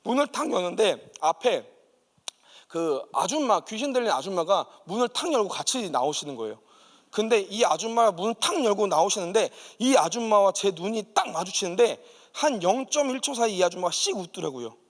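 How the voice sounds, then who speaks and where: Brief: male pastor, high and very animated delivery, vivid storyteller, sanctuary reverb. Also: a little fast. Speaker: guest pastor. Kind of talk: sermon with personal testimony. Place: church sanctuary.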